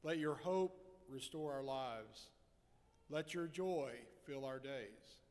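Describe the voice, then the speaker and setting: A middle-aged man leading a prayer and reading scripture from a lectern in a large church, in a measured, formal way. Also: mid-range voice, expressive, darkish tone. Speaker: pastor. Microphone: lectern microphone. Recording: long reverb of a church hall.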